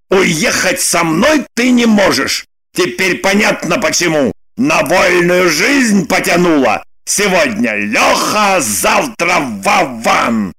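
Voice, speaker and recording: A gruff, scornful young man shouts and schemes in an audiobook, as a woman reader puts him on. His delivery is slow and drawn out, with a husky edge to the voice. The pitch climbs and falls widely. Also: heavily acted. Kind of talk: audiobook narration with voiced characters.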